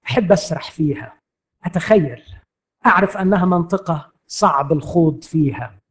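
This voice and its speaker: Egyptian male preacher, high and very animated, impassioned, rises loud then drops to a hush. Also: a little fast. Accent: Egyptian Arabic. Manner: impassioned, swings between loud and hushed. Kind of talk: sermon.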